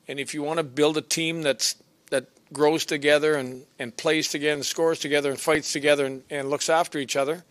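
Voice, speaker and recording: An older man, a hockey coach, answers a press question in a loose, halting way full of fillers. His voice comes through a podium mic with a very dry sound in the press room. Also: fairly high pitch, level tone, fairly bright tone, no room sound.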